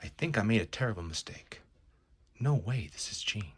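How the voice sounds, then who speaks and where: A man voicing a furry beast superhero, a brainy gentleman who talks in wry, hesitant, self-mocking asides. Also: on the low side, lively intonation, moderate pace, slight background noise, natural voice. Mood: uneasy.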